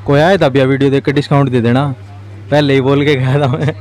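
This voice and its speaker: A man's voice: mid-range voice, fairly even intonation, fast, a little mellow. A young man chatting to viewers while he walks through a busy outdoor market, camera at arm's length. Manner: chatty, addresses viewers as brother. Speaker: vlogger. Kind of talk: casual walking vlog. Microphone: camera held at arm's length. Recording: crowded street noise. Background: crowd chatter.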